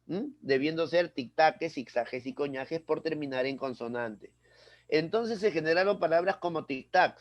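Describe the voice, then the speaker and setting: A man's voice: on the high side, no echo. A man teaching a grammar lesson to a class, explaining step by step and often checking with questions like "right?". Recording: dry, dull lo-fi sound.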